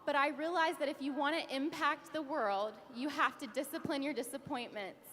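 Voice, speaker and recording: A woman's voice: sits high, normal speed, a bit bright. A young woman in her twenties giving a heartfelt, emotional recognition speech on stage, sometimes laughing through tears. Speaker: award speaker. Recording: reverberant hall with audience.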